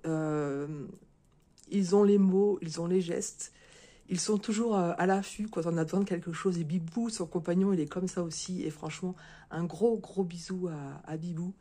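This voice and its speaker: A slightly hoarse woman chatting casually to her viewers as she opens a parcel, with many fillers and restarts. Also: on the low side, steady tone, moderate pace, dark tone. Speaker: crafting video creator. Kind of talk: casual unboxing chat to viewers.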